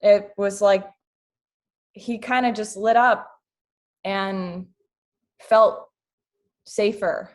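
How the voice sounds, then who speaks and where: A woman's voice: medium pitch, steady tone, drawn-out words, long pauses. Candid woman guest speaking with emotion. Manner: candid, emotional, filler-heavy. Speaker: guest, blended family coach. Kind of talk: casual interview talk.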